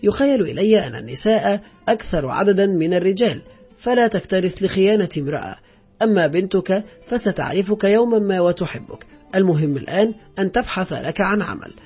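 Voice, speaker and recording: A cool, preachy man of means, as read by a man, calm and dismissive. The voice is high and husky, and the recording sounds muffled. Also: a little fast, exaggerated voice. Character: successful middle-aged man, cool, impatient and preachy.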